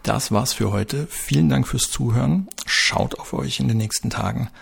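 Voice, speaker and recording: A man reading a crime story aloud in a calm, measured way. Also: mid-range voice, creaky, husky. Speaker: audiobook narrator.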